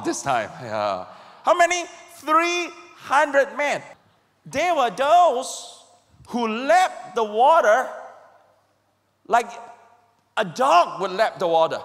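A man's voice: high voice, a bit bright. A male pastor delivering a sermon, speaking with emphasis and calling on the congregation to respond. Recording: long reverb of a big hall.

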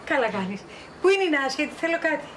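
A woman's voice: high-pitched, very animated, noisy background. A woman acting a mother in a TV drama, soothing and affectionate. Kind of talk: acted TV drama dialogue.

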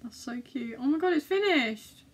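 Gushing and giggling, a young woman reacts to videos as a vlogger, chatting casually with plenty of exclamations. Her high voice is expressive and moves at a normal speed. She's indoors in a small bedroom, with music from the videos in the background.

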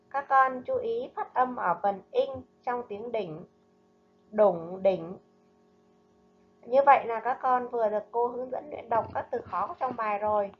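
Woman teacher, slow careful lesson voice. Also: fairly high pitch, lo-fi sound. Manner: slow, careful, clearly enunciated reading and drills. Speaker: primary school teacher. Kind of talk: recorded reading lesson for young children. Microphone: voice-over narration over slides.

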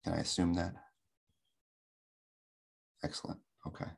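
A man giving an academic lecture in a webinar, explaining in a measured, thoughtful way with frequent ums, heard over a video call. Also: low-pitched, level tone, gravelly, husky. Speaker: webinar presenter.

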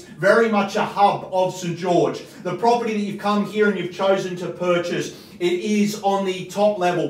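Energetic Australian auctioneer in a roomy studio. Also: male voice, sits high. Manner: fast, energetic auction patter with rising calls. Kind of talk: live online auction calling. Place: studio room in front of a large video-call screen. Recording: roomy, distant studio sound.

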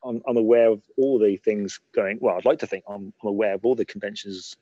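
A man's voice: fairly low pitch, fairly even intonation, brisk, mellow, dull audio. A man chatting casually as a guest, teasing and joking, often repeating words as he starts. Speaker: convention organiser guest. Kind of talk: casual chat on a call.

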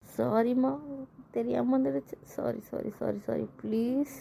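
A woman's voice: medium pitch, quick pace, mellow, a little hiss or hum, natural voice. A woman playing a cheeky, exasperated young wife in an amateur audio drama, talking back playfully.

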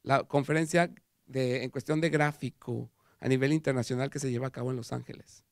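A man with a Mexican Spanish accent giving a conference talk at a university, telling stories and acting out quotes in an animated way. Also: mid-range voice, brisk, no echo, clean studio sound. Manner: animated storytelling with acted quotes. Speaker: lecturer. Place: lecture hall.

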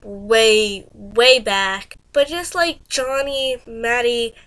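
A woman's voice: a little high, drawn-out words, fairly bright tone. A teenage girl with a stuffed-up nose from a cold, chatting casually and rambling as a fan in a reaction vlog. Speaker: vlogger reacting to a music video. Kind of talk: casual chat.

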